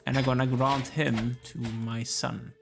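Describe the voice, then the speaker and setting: A man's voice: medium pitch, flat delivery, unhurried, gravelly, music in the background. A tired, yawning man casually commenting as he plays a strategy game, musing aloud and chatting to the characters on screen. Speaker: let's play gamer.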